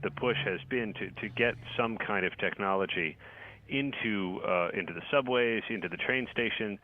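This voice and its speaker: A man with a very deep voice comes through a thin, phone-like line. He is a news correspondent answering questions on the radio. He often stops and restarts his sentences. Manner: halting, many restarts. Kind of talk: radio interview.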